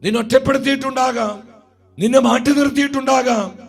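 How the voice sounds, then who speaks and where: A man with a Malayali accent preaching a sermon, slow and drawn out, with emphatic repetitions. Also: extremely high pitch, steady tone, vocal fry, husky, faint music behind.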